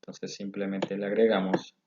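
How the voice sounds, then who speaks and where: A man giving a recorded English grammar lesson, explaining rules slowly and step by step. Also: sits low, monotone, warm tone, slight background noise. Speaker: English teacher. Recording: dull lo-fi audio.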